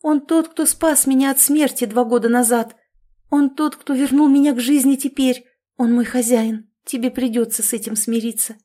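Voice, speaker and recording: Woman voicing a pleading young heroine, high and breathy, storybook reading. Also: steady tone, moderate pace, dark tone. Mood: desperate.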